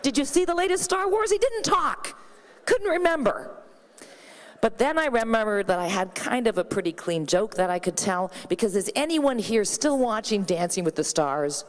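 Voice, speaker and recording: A Canadian woman doing a brash, quick-fire stand-up comedy set on an arena stage, always tossing in "right?". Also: a little high, animated. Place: large arena stage before a packed audience.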